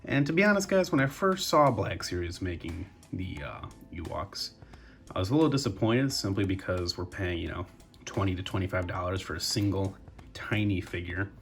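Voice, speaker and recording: A man's voice: low voice, moderate pace, gravelly, faint music behind. A young man with a congested voice, breathing through his mouth as he chats casually through a toy review. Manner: relaxed, chatty, addresses viewers as guys.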